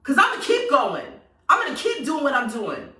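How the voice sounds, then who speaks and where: A New York-accented woman vlogs a passionate, sassy rant to camera at a moderate pace, her high, bright voice swooping all over as she emphatically repeats her points with animation. The recording is echoey, and she's a little far from the mic.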